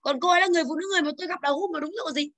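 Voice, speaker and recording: Bright high-voiced woman teaching a class. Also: fairly even intonation. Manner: brisk, calls on students by name, drills pronunciation. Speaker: English teacher. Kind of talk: classroom exercise review.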